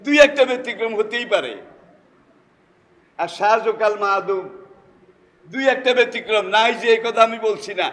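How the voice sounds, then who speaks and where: A Bangladeshi man delivers a Friday sermon in a Bengali accent, his voice sitting high for a man. He keeps turning to the congregation with rhetorical questions. A long reverb trails each phrase through the hall. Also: a bit bright. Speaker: preacher.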